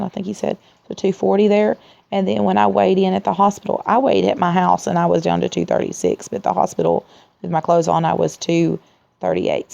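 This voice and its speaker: A woman who sounds tired and weak after surgery, talking in a candid, rambling, low-energy way in a casual video diary, with a gravelly, creaky voice. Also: mellow. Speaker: vlogger sharing surgery recovery. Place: at home in a recliner. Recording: dull, lo-fi sound.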